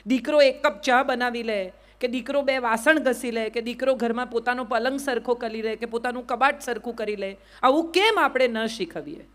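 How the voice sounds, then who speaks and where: Brief: middle-aged Gujarati woman, high voice, motivational speaker, quizzes the crowd. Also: normal speed, hardly any pauses. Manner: asks the crowd rhetorical questions, repeats "yes or no". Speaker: public speaker. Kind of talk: motivational speech to a live audience.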